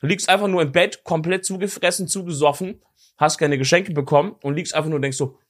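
A man's voice: on the high side, fast. A young man co-hosting a podcast in casual, slangy chat, joking and acting out quotes in silly voices. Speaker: podcast co-host.

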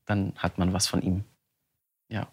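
A man, a voice actor, chatting animatedly in an interview, talking in quick bursts and often laughing. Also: sits low, little pitch movement, a little mellow, slightly rough. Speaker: voice actor interviewed about his audiobook. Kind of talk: casual interview answers.

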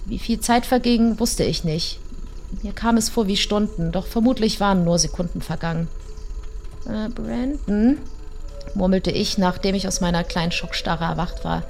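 A woman narrating a first-person horror story in an expressive way, hushing and drawing out the tense moments. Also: fairly low pitch, slight background noise.

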